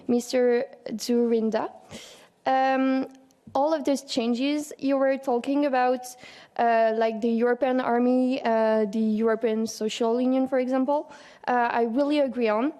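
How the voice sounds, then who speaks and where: A woman's voice: fairly high pitch, fairly even intonation, slow pace, dark tone. Hesitant young woman asking a question. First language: not English. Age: young adult. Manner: hesitant, with many fillers. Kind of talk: audience question.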